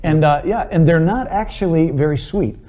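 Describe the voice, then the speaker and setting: A man's voice: fairly high pitch, moderate pace, highs cut off. A middle-aged man, a chef, explaining ingredients with enthusiasm on a studio kitchen set. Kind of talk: cooking demo chat.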